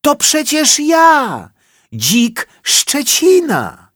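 A man's voice: very high voice, huge pitch swings, extremely slow, fairly bright tone, dry recording, clean studio sound, pitched above the performer's own voice, exaggerated voice. A man voicing a frightened, whimpering wild boar in a children's storybook. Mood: pleading. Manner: whimpering, pleading.

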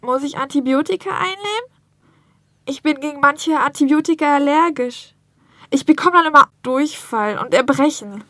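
A woman acts out a worried female patient who is down with a cold. Her voice is high and plaintive, with careful articulation. It is a dry recording of a scripted language-learning dialogue. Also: moderate pace, fairly bright tone, dry recording.

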